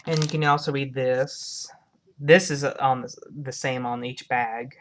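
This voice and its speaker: A woman's steady, low-pitched voice carries a casual product review for her viewers over slight background noise. She hesitates frequently, restating and rephrasing what she says.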